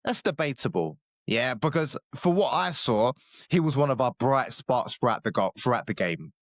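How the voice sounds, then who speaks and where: Fired-up football fan. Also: male voice, mid-range voice, sing-song, normal speed, no room sound, clean studio sound. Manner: passionate, fired-up, casual slang. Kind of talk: casual football chat.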